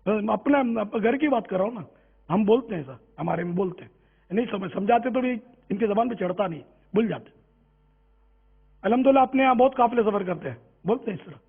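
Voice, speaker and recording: A man preaching with a high, gravelly and husky voice. He urges his listeners on and sometimes slows down to draw out each word of a phrase he is demonstrating. The sound is tinny and narrow, like a phone line. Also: animated. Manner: exhorting, slowly drawn-out demonstration of Arabic phrases. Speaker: religious teacher. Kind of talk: religious talk on Quran recitation.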